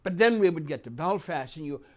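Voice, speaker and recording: An older man reminiscing in an oral-history interview, speaking haltingly with repeated words and pauses mid-sentence. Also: fairly high pitch, lively intonation. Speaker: interviewee recounting memories.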